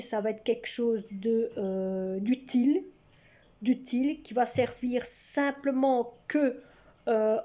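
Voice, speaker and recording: A woman in her sixties, talking to her camera at home with a high voice and an unhurried pace. She rambles along, circling back and repeating herself. The sound is a bit muffled, like a home video. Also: dark tone. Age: 60s. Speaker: vlogger. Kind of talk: casual chat to camera. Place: at home, indoors. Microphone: camera in front of her.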